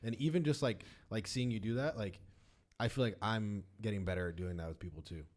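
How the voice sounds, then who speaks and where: A man in a casual podcast chat, supportive and slangy, with quick backchannels. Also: on the low side, a little mellow. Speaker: podcast co-host.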